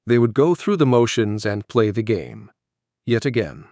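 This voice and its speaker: A man's voice: mid-range voice, sing-song, normal speed, darkish tone, no room sound. Man narrating an audiobook, dry sound.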